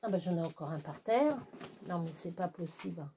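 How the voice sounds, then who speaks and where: There's a noisy background as this older craft vlogger from Touraine, in central France, chats rambly with her followers during her craft work, full of hesitations and restarts. Her fairly low voice is animated and a little fast.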